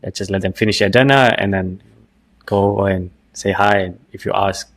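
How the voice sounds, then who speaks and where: Low-pitched South African man, casual. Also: fairly quick, a bit bright. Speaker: podcast host. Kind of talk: casual conversational interview.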